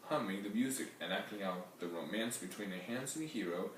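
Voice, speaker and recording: A man's voice: lowish voice, lively intonation, a little fast, a bit bright, far from the mic, slight background noise. A man reading a picture book aloud expressively. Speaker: storybook reader. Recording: very echoey room heard from afar.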